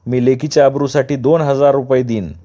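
Male narrator as a timid old father begging for mercy; mellow voice, muffled sound. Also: medium pitch, steady tone, brisk, close to an everyday voice. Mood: pleading. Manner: meek, pleading. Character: frightened old village father, pleading.

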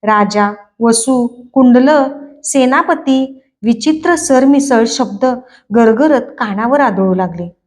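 Brief: woman narrator, expressive audiobook reading, slightly high voice. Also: slow. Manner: clear, expressive storytelling. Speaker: book reader.

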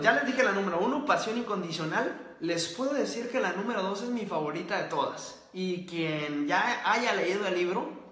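A young man hosts a motivational live stream, pushing his points hard and repeating them. His voice sits high and sounds bright and forceful. The room around him is echoey. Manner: emphatic, preachy, repeats points and asks rhetorical questions. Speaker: host. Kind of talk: live-stream motivational talk, reading viewer comments. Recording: roomy echo.

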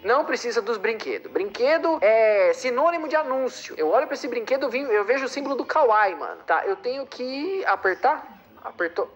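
A man's voice: sits high, fairly bright tone. Ranting exasperated gamer guy. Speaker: game streamer. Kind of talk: comedic gameplay commentary.

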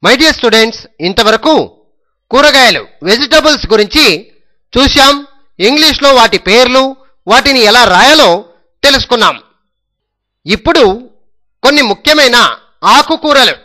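A man's voice: very high voice, sharp tone. A man with a Telugu accent teaching English vocabulary, spelling each word letter by letter and repeating it several times. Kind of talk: slow spelling lesson in Telugu.

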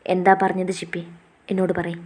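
A woman voicing a caring young husband who speaks softly and coaxingly. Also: medium pitch, animated, a little fast, breathy edge. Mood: worried. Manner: soft, coaxing.

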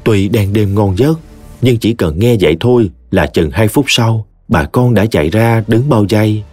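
A man with a Southern Vietnamese accent narrating a story in an expressive, folksy way. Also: fairly low pitch, normal speed, no echo, soft background music.

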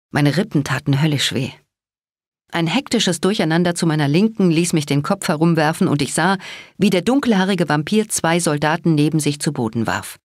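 Woman, audiobook narrator, low voice, dry close recording, dramatic storytelling. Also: no room sound. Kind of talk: scripted first-person narration.

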